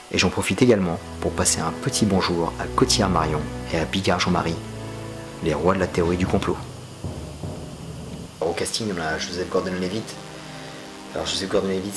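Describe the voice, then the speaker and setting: Low-voiced joking male film reviewer. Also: low-quality recording. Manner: chatty, slangy, joking. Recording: music playing under voice.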